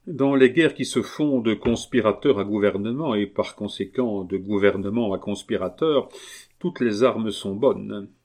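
Male audiobook reader voicing earnest gentleman, persuasive, measured, fairly low voice. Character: earnest determined man of reason, calm and persuasive. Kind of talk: audiobook reading.

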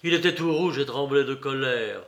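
A man narrating a classic novel in a deliberate reading manner. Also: mid-range voice, fairly bright tone, muffled recording. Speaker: audiobook narrator.

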